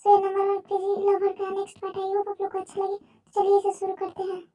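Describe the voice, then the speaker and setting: A woman's voice: extremely high pitch, completely flat delivery, fast, warm tone, recorded from a distance. A woman narrating a fan fiction story and chatting in a friendly way with her audience. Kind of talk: casual storytelling to fans.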